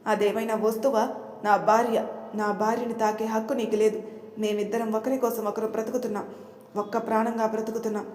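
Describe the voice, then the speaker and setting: A woman's voice: on the high side, little pitch movement, brisk, darkish tone, close to an everyday voice. A woman voicing an anguished, righteous young married man in an audio story. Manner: emotional, pleading. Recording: echoey room with long reverb.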